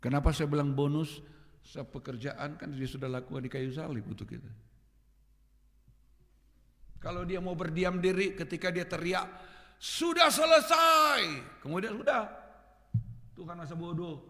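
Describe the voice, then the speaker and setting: Gravelly preacher in a church hall. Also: male voice, on the high side, moderate pace, pauses often. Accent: Indonesian, North Sulawesi. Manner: animated preaching, swinging from quiet asides to loud emphatic peaks. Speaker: pastor. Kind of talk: sermon.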